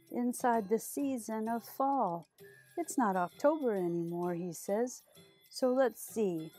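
A middle-aged woman with a warm, medium-pitched voice hosts children's library storytime, using an exaggerated sing-song delivery as she talks to young viewers and reads aloud. She's on a small, decorated indoor storytime set.

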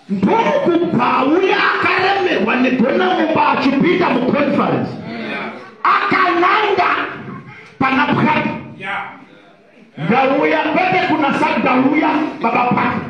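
A man, a pastor preaching a sermon loudly into a pulpit microphone and calling out to his congregation. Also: very high voice, heavy reverb, lo-fi sound. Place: large echoing church hall. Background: congregation answering aloud.

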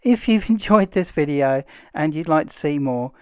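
A man, casually talking through a computer tutorial as host, relaxed and filled with "uh" pauses. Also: on the high side, clean tone, dry recording, studio quality. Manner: relaxed, chatty, many "uh" fillers. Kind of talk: casual screen-recorded tutorial narration.

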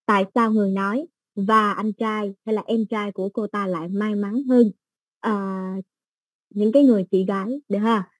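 A woman teaching an English exam-prep lesson, explaining slowly with everyday examples and many fillers. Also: mid-range voice, fairly even intonation, no room sound, poor audio.

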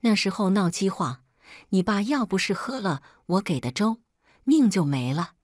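A woman voicing a fierce old grandmother with a booming, commanding voice. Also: sing-song, moderate pace, no room sound, clean studio sound.

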